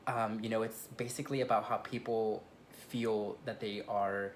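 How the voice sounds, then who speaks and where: A man's voice: lowish voice, fairly even intonation, moderate pace, slight background noise. A man co-hosting a conversational review, speaking in a casual, discursive way. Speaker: co-host reviewing a documentary.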